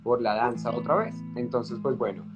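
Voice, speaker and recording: A man's voice: mid-range voice, normal speed, dull audio, music in the background. A man hosting a live-stream conversation, effusive, repeating words for emphasis. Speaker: host, professional ballet dancer.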